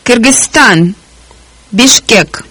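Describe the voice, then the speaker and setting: On a language course recording, a native-speaking woman slowly models pronunciation in a lilting, deliberate way, articulating word by word. Her voice is a little high, animated, sharp and slightly rough, and the recording is dry.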